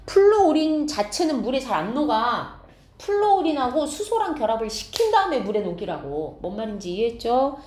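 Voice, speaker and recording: A woman science teacher giving a classroom lecture, explaining step by step and often asking students quick check questions. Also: medium pitch, a little mellow, echoey room.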